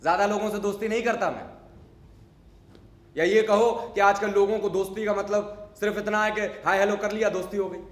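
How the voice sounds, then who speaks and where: A man's voice: sits high, steady tone, a little fast, echoey room, close to an everyday voice. A man acting a grumpy, unsociable neighbor in a stage monologue, talking in a scolding, sarcastic, lecturing way. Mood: dismissive. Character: grumpy unsociable male neighbor, middle-aged. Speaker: stage actor. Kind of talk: theatrical monologue.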